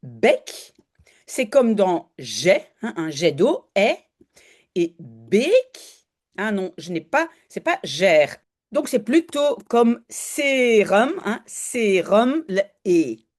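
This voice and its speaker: A woman teacher leads an online language lesson at an unhurried pace. She repeats each example word several times and stretches it out so the sound can be heard. Her voice rises and falls freely as she explains. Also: mid-range voice, sing-song, darkish tone. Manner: patient, repeats and stretches words slowly for pronunciation.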